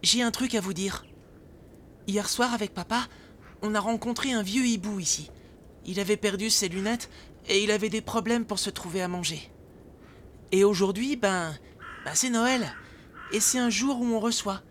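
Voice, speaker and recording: A woman's voice: mid-range voice, normal speed, long pauses, a little hiss or hum, natural voice. A woman voicing a kind, eager young boar boy in a storybook, speaking earnestly. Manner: earnest, gentle. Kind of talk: storybook character acting.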